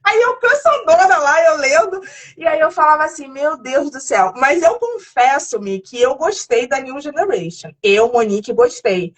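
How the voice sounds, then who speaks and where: Chatty high-voiced woman host. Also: moderate pace. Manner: chatty and lively. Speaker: host of a nursing channel. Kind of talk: casual live chat.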